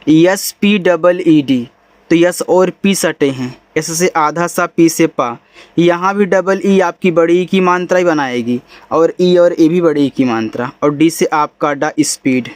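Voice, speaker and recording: A man teaches English step by step in a relaxed, friendly way, explaining things patiently. His voice sits high. The recording is close and dry, with no room sound. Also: measured pace, no room sound. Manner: casual and friendly, says bhai and yaar. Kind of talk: spoken lesson.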